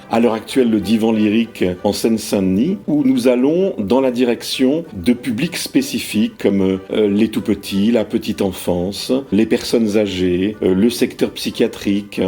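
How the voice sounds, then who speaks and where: A man, a lyric singer, speaking in a measured, explanatory way with some hesitations, in an interview. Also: fairly low pitch, dark tone.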